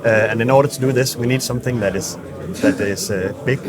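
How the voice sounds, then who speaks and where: A man with a medium-pitched voice talks quickly over a loud crowd, explaining technical matters as an acoustic engineer in a casual interview. He sounds hesitant and repeats words as he goes.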